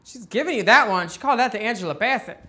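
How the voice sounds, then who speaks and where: A man talking as a sassy, campy drag queen host, giving catty comic commentary on video clips in a bright, high-placed voice. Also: expressive, fast talker, over loud music. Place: photo studio with grey backdrop.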